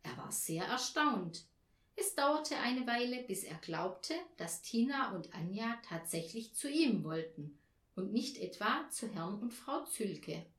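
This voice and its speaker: A woman reading a children's story aloud as narrator, with slow, lively storytelling intonation. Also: medium pitch. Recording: roomy echo.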